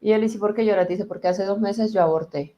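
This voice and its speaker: Calm, deliberate woman therapist. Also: mid-range voice, lo-fi sound. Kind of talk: conversational explanation with guided healing exercise.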